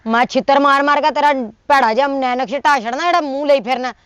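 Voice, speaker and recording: Punjabi woman, high pitch, sharp scolding wife in a comedy skit. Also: fast, dry recording. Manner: scolding, sharp-tongued, nagging. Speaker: comic actor as a scolding wife. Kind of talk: Punjabi comedy sketch acting.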